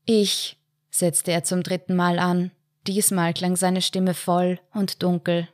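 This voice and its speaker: A woman narrating a short story in a measured storytelling way. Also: lowish voice, completely flat delivery, a little mellow, dry recording, clean studio sound. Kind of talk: audiobook short story reading.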